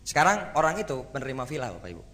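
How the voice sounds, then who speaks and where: A man giving a motivational seminar talk to a live audience, energetic and rhetorical, often asking the crowd for agreement. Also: mid-range voice, rapid-fire, noisy background. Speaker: motivational speaker. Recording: hall reverb.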